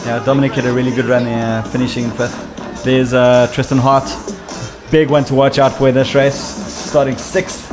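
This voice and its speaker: A man's voice: mid-range voice, little pitch movement, moderate pace, music in the background. A man giving easygoing live commentary on a motorbike race.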